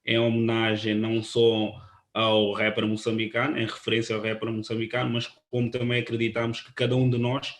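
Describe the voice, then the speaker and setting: Guy from presenting at an online panel, earnest, pretty flat voice, lots of ahs. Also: mid-range voice. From Guinea-Bissau. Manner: earnest, halting, with many fillers. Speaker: panel speaker, photographer.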